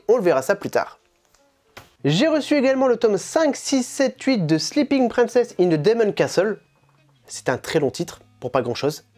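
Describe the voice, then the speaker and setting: A woman hosting a manga channel, chatting casually and enthusiastically through an unboxing. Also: mid-range voice. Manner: animated, chatty and enthusiastic, with laughs.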